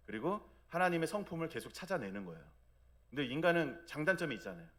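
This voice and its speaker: A man in his thirties preaching a Sunday sermon in a conversational way, often asking the congregation for agreement and acting out God's words in a soft, low voice. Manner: acts out God's gentle speech in a soft low voice. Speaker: pastor. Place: church sanctuary.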